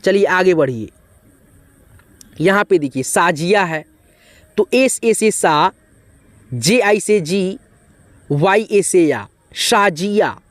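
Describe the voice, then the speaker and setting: A man's voice: sits high, expressive, slow, pauses often, no echo. A man teaching beginners to spell names, patiently spelling out letters and talking directly to his viewers. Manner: patient, repeats friendly asides to viewers.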